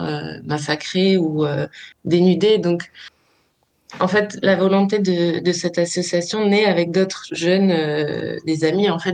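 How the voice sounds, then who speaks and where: A woman's voice: fairly low pitch, darkish tone. A woman who founded an association, answering in a radio interview, hesitant, with many fillers and restarts.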